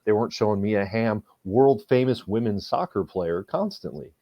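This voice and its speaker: A man's voice: lowish voice, moderate pace, mellow, dry recording. A man hosting a podcast in casual discussion, reflective and often restarting his words as he thinks. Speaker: podcast host.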